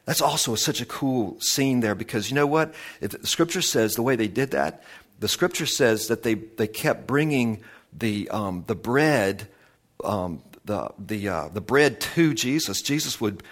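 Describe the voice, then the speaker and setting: A man preaching a sermon, retelling scenes in an animated storytelling way with many restarts. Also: lowish voice, unhurried.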